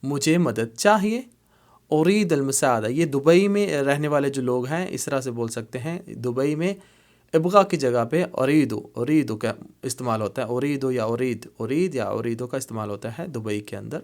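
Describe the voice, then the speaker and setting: A man's voice: mid-range voice, animated, a little mellow. Patient male teacher repeating phrases. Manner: patient, repeats each phrase several times. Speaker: language teacher. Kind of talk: explaining Arabic phrases in Urdu.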